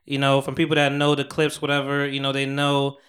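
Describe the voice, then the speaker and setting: A young man hosting a podcast in a small home studio, talking in loud, joking, slangy banter and laughing often. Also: mid-range voice, monotone, a little fast. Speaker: podcast host. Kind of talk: casual chat.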